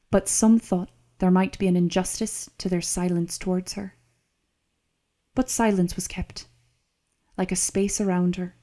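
A woman reading a historical novel aloud as an audiobook narrator, in a measured, calm storytelling manner. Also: lowish voice. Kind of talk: scripted narration.

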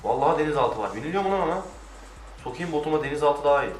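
A man giving casual let's-play commentary, excitable, swearing and shouting at the game. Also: on the high side, racing, a little hiss or hum. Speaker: gamer. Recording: roomy, distant mic with faint music.

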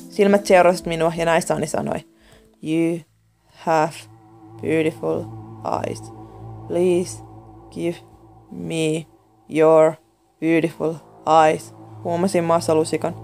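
A woman's voice: lowish voice, dark tone. A woman narrating a first-person horror story in a dramatic, scripted way. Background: faint music.

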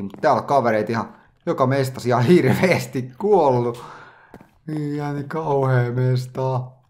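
A man giving casual, joking let's play commentary, reacting aloud to everything he finds in a game. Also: medium pitch. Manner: chatty, joking, reacts aloud to what he sees. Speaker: gaming channel host.

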